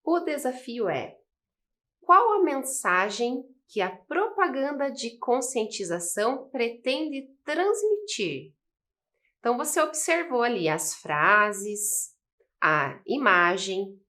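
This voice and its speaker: A Brazilian woman teaching a recorded class for schoolchildren. She talks slowly, with a lively, rising and falling voice, and keeps checking in with her viewers as she explains. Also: a little high. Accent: Brazilian Portuguese. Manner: slow, patient explaining with frequent "né?" and "ok?". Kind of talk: recorded video lesson.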